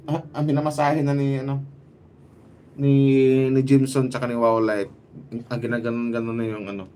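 A man with a Filipino accent hosting a casual livestream, reading out viewer shoutouts by name with quick asides. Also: mid-range voice, a little hiss or hum. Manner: lively, greets commenters by name, quick asides. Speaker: livestream host.

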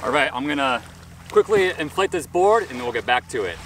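Laid-back guy doing an unboxing vlog, mid pitch, sounds a bit far from the mic. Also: fairly quick. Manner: relaxed, chatty, upbeat. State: briefly out of breath after pumping. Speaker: paddleboard vlogger. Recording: distant mic with background noise.

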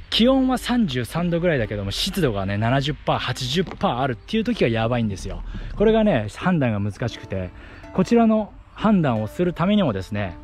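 Lively man talking while running. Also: medium pitch. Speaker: running vlogger and athletic trainer. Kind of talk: explanatory vlog to camera. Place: outdoors on a path by fields. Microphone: action camera at arm's length.

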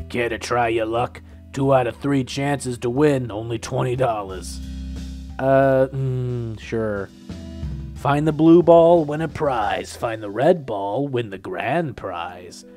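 A young man getting over a cold sniffles through casual let's play commentary, reading the game's text aloud. His voice is mid-range and darkish, and he swears, laughs, and gets flustered easily.

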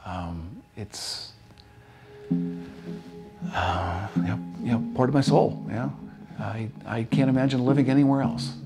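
An older barbershop owner from Pennsylvania talks in a documentary interview, often pausing on fillers and restarting his sentences. His voice sits at an ordinary middle pitch. Music plays clearly beneath him. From Pennsylvania, USA. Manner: hesitant, many fillers and restarts. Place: small wood-panelled barbershop. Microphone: seated, medium camera framing.

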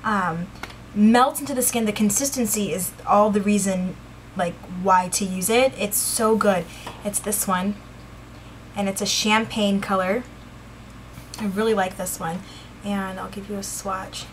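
A woman's voice: medium pitch, measured pace, slight background noise. A woman chatting casually through a makeup review, a little out of breath, full of fillers and enthusiasm, recorded indoors on a camera mic. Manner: chatty, filler-heavy, enthusiastic about products. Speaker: beauty vlogger.

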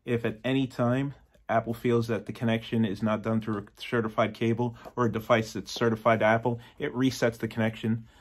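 Speaking into a phone camera at arm's length from his garage workshop, a man in his forties who owns a motorcycle audio shop gives a casual product demo and review. He talks in a mid-range voice, plainly and matter-of-factly, peppering it with ums and uhs.

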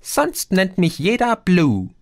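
A man's voice: high voice, wildly swooping pitch, slow pace, dry recording, studio quality, voice pushed up, full character voice. Man doing a tiny cheeky alien sprite girl. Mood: breezy.

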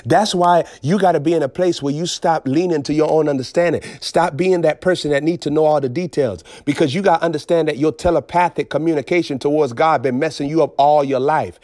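A man preaching with emphatic swings between low intensity and raised outbursts. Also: a little fast, few pauses, a little mellow, no room sound, clean studio sound. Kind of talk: preaching on a phone broadcast.

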